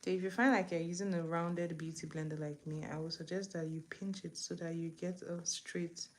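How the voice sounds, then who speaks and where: On a livestream, a makeup tutorial host from eastern Nigeria talks to her viewers in a chatty, instructive way, giving step-by-step directions while she works. She speaks at a moderate pace in a steady tone, her voice sitting on the low side. Room ambience comes through in an otherwise clear recording.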